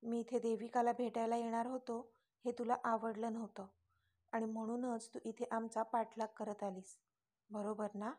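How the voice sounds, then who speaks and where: A confident young lover who teases and corners the girl with pointed questions, smirking as he talks, read by a woman storyteller. The voice sits a little high, kept close to her own reading voice. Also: level tone, moderate pace, a little mellow, close to an everyday voice. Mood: teasing. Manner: teasing, smirking, pressing questions. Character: teasing confident young man in love.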